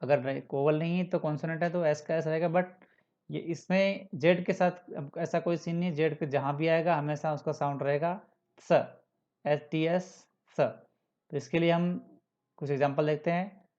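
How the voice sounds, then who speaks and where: A man's voice: a little high, steady tone, a little mellow. Man teaching German letters, dull sound. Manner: spells out letters slowly and repeats example words; mixes English words into his explanations. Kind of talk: classroom-style alphabet lesson.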